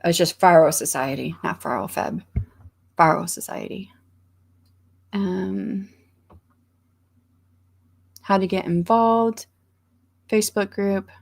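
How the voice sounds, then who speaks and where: A woman chats her way through a livestream, greeting viewers and reading their comments aloud. She rambles, restarts sentences and fills pauses with ums. Her voice has a gravelly fry to it. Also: medium pitch, a little mellow. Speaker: livestream host reading chat. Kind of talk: casual chat.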